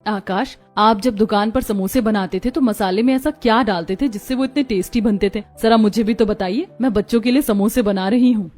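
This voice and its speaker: A woman's voice: mid-range voice, a little fast, few pauses, a little mellow, faint music behind, lightly acted. A woman voicing a worried but dignified young mother in a cartoon story, firm and caring. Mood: gentle.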